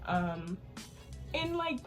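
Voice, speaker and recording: Answering questions to the camera, an 18-year-old female vlogger stays chatty and casual, using plenty of fillers. Her voice is mid-range and nasal, stuffed up from allergies, with big pitch swings and drawn-out words, and music plays faintly behind her.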